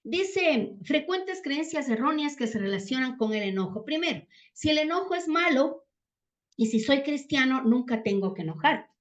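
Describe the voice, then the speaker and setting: High-voiced woman teaching. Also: very animated, moderate pace. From Ecuador. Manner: keeps checking in with rhetorical questions. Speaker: church teacher. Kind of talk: Bible teaching talk. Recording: dull lo-fi sound.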